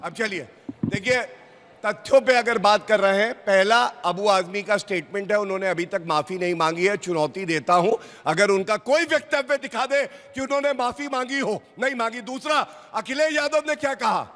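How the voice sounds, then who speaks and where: Man, high bright voice, combative debate panelist, insistent, echoey studio. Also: normal speed. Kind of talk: heated TV debate argument.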